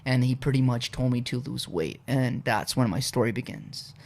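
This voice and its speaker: A young adult man from Poland, a podcast guest talking through his personal story in a relaxed, casual way, with frequent "uh" and "you know". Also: medium pitch, moderate pace, creaky.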